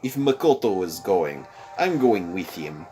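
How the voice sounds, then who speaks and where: A young man hosting a let's play, reading a visual novel aloud with expressive commentary. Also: sits low, a little slow, soft background music.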